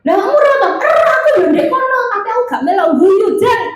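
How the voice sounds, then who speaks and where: A woman with a Javanese accent voicing an excited gossiping woman who tells a friend about a mishap, recorded in an echoey hall. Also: extremely high pitch, quick pace, pitched above the performer's own voice. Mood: gossipy. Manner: animated, breathless gossiping.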